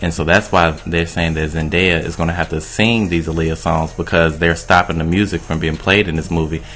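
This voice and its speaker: Deep-voiced man ranting on air. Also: fairly even intonation, a little fast, a bit bright. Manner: emphatic, opinionated, rambling run-on talk. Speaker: radio show co-host. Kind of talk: casual opinion chat.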